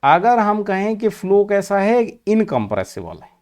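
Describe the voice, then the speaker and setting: In this classroom lecture on engineering, a man with an Indian accent has a voice that sits high, very animated, with a darkish tone. He asks and answers his own questions, blends Hindi with English, and goes slowly and deliberately, lengthening key terms.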